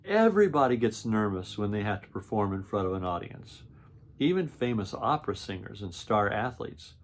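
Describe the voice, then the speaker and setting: Grandpa voice, older man as practical mama bear, patient, advising, storybook, low-pitched. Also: big pitch swings, normal speed, a little hiss or hum. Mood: patient advice.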